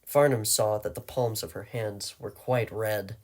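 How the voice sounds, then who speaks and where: A man narrating a story aloud in a steady, measured way. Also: lowish voice. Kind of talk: audiobook reading.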